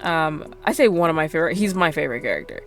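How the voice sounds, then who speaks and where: A woman's voice: deep voice, lively intonation, quick pace, soft background music. A young adult woman streaming a game, chatting casually and rambling with lots of fillers. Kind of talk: casual chat while gaming.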